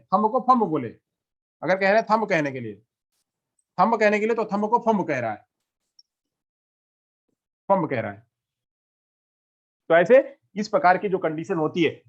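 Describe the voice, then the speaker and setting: A male teacher giving an exam-prep lecture, repeating himself and asking questions he then answers. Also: high voice. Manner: repetitive, asks and answers his own questions. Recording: dull lo-fi recording.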